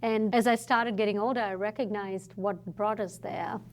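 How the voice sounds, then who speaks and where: Woman from fiji telling her story on a podcast, reflective, middle-aged, average pitch. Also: steady tone, a little hiss or hum. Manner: reflective, storytelling, thoughtful pauses. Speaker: entrepreneur guest. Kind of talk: casual podcast interview.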